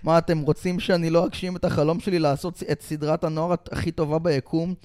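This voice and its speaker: A man doing an improvised comic bit as a sleazy, desperate male TV director, talking loud and vulgar and pleading. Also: fairly high pitch, little pitch movement, lightly acted. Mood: groveling.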